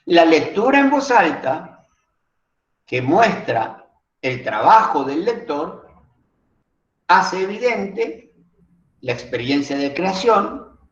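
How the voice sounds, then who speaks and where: A man lectures in a reflective, measured way, putting rhetorical questions to his class. His pitch rises and falls widely while his pace stays slow. The sound is roomy and a bit muffled, like a lo-fi class recording. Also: very animated. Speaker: workshop teacher. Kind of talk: lecture on reading aloud.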